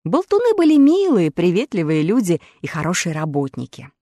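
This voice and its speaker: A woman narrating a children's fairy tale with lively, expressive storytelling. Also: on the low side, fairly quick, no echo, clean studio sound. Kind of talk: audiobook fairy-tale reading.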